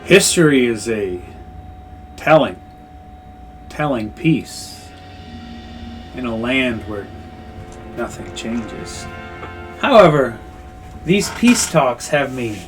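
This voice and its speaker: A man puts on a dragon voice for a tabletop role-play game. The dragon is an old, courtly noble with a sly streak. He speaks slowly and theatrically at a middle pitch, over faint music. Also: very animated. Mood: sly, thrilled. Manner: dragon voice, slow and theatrical, drawn-out phrasing.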